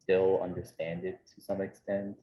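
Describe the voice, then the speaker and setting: A man's voice: deep voice, level tone, moderate pace, lo-fi sound. A man from Chicago, speaking casually in a documentary interview and saying "like" a lot. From Chicago, United States. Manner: casual, heavy use of "like".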